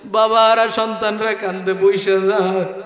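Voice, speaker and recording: Impassioned high-voiced male preacher, echoing. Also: little pitch movement, measured pace, fairly bright tone. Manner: impassioned, half-sung pleading, calls out to the crowd. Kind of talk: sermon. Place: outdoor religious gathering at a school ground. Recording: echoey long reverb, faint music.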